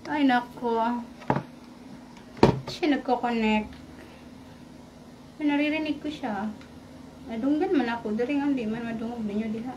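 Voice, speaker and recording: A woman's voice: a little high, a little slow, long pauses, muffled recording, noisy background. A woman, livestreaming and chatting casually, laughing often and muttering to herself. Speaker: vlogger livestreaming. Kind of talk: casual livestream chat and karaoke singing.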